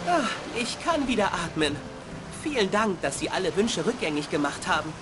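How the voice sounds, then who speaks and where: Woman playing an earnest, expressive young boy. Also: on the low side, normal speed, over music, natural voice. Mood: relieved, musing. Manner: innocent, expressive. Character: polite, earnest, naive young boy adventurer. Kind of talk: video game voice acting.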